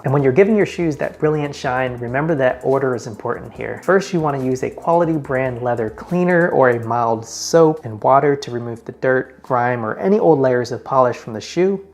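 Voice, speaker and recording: A man's voice: medium pitch, darkish tone. Man, casual vlogger style. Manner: casual, direct address with emphatic numbered points. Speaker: men's style video host. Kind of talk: vlogger presenting tips to camera. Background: faint background music.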